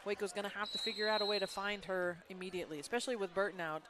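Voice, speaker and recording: A woman doing play-by-play for a school basketball game, chatty and quick with her calls, with frequent agreeing hums. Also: medium pitch, fairly even intonation, heavy background noise. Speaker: play-by-play announcer. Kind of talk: live basketball commentary.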